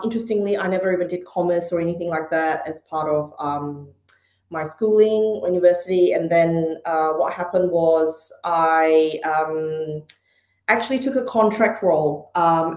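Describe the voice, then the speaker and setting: A conversational podcast interview features a middle-aged woman from Malaysia and Hong Kong who answers thoughtfully, peppering her speech with ums and uhs. Her voice is lowish and darkish at a normal speed, and the room echoes.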